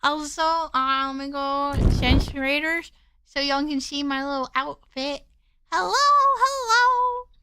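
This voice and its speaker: A woman's voice: high-pitched, level tone, unhurried, sharp tone. A woman livestreamer chatting in a cute anime streamer style, bubbly and effusive. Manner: bubbly, cutesy, effusive greetings.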